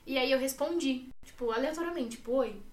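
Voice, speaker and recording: A woman's voice: sits high, a little fast, a little mellow, roomy sound, recorded from a distance. An 18-year-old woman with a Brazilian Portuguese accent, a podcast guest telling a personal story in a run-on way, full of fillers and repeats.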